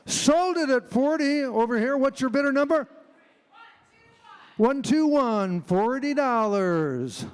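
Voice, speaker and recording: An American man in his seventies calling a live auction in a rapid, repetitive auctioneer's chant to an audience. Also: very high voice, animated, smooth. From Illinois, United States. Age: 70s. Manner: auctioneer's chant, rapid repeated bid calls. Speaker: auctioneer competing on stage. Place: stage in a large convention hall. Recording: echoey large hall PA.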